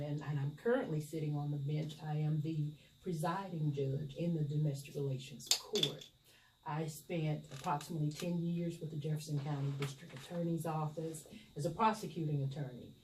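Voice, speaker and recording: A middle-aged woman, speaking as a judge in an interview and explaining in a measured, formal way. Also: low voice, steady tone. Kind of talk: interview answers. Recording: echoey room, distant mic, loud noise.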